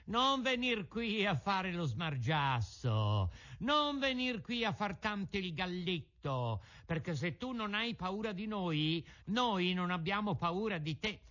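A man puts on a gang of bullying schoolboys, raised high above his own voice, full of jeers and threats. The recording is dull and lo-fi. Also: expressive, measured pace, fairly bright tone. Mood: threatening. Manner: jeering, threatening taunts. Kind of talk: storybook reading.

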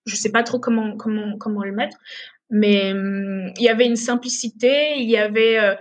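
A woman's voice: on the high side, fairly even intonation, normal speed. Late-20s woman from togo and benin, podcast guest, lots of euhs and restarts. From Togo, raised in Benin. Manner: hesitant, many fillers and restarts. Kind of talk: casual podcast interview.

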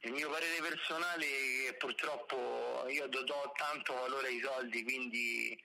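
Man over the phone, bright tense voice, eager short answers, radio caller. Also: mid-range voice, fairly even intonation, vocal fry, poor audio. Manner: eagerly agreeable, quick short replies. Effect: heard over the phone. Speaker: listener called by the radio show. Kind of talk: prank phone call.

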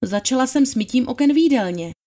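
A woman with a high, animated voice and a dark tone plays a young housemaid giving witness testimony. Deferential throughout, the character answers plainly and politely in this dramatized trial reading.

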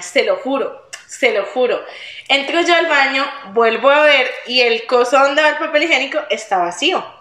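High bright Costa Rican woman. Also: roomy sound. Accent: Costa Rican Spanish. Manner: animated, acts out her own past wailing in a high strained voice. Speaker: podcast co-host. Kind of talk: casual storytelling chat.

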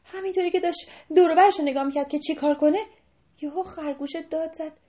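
A woman telling a story to children, her voice high yet soft and mellow. She is animated and often turns to talk to her young listeners directly.

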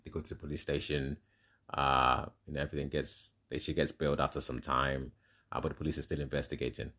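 A man in a casual podcast chat, retelling a film plot. His voice is very low. He rambles and acts out the scenes as he goes. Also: little pitch movement, quick pace, sharp tone. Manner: rambling, dramatizing, laughs often.

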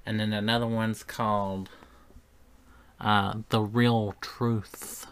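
A man's voice: on the low side, little pitch movement, fairly bright tone, smooth. A man, co-hosting a casual podcast and chatting in a rambling way with dry jokes. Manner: slow, rambling, dry joking. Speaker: podcast co-host.

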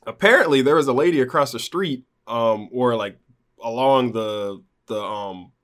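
Man, casual storyteller, mid-pitched, loose and rambling with fillers. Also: moderate pace, a bit bright. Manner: rambling, with many fillers and restarts. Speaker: guest telling a personal story.

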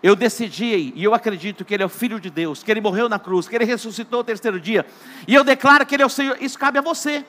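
A man with a Brazilian Portuguese accent preaching a sermon, telling jokes and stories, dropping to a hush and then rising to loud emphasis. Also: high-pitched, fast talker. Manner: joking storyteller, shifts between hushed and loud emphatic. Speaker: pastor.

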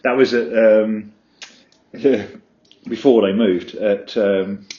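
A man's voice: fairly low pitch, steady tone, slow pace, dark tone. A jovial man from Wales hosting a casual chat. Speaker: host. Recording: echoey room, dull lo-fi sound.

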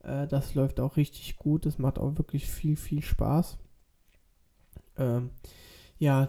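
A man's voice: medium pitch, vocal fry, dark tone. A man with a stuffy nose from a cold, talking casually and hesitantly as a solo podcast host.

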